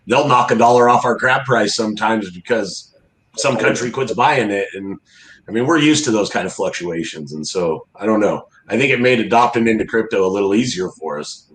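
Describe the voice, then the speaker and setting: A man's voice: lowish voice, expressive, brisk. Echoey, laid-back fisherman. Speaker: interview guest, crab fisherman. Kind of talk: casual conversational interview. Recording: roomy, echoey sound.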